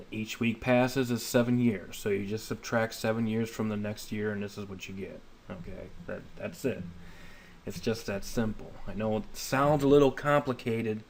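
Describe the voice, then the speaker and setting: A lowish, darkish voice belongs to a man in his thirties giving a plainspoken Bible study. He reads scripture and explains it informally step by step, repeatedly making sure listeners understand, in a noisy homemade voice-over recording.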